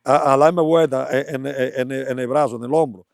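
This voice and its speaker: A man telling a testimony as an evangelist, halting often and repeating words as he talks. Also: medium pitch, no echo, studio quality. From Dominican Republic. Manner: halting, stammering repetitions, animated. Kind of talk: testimony storytelling.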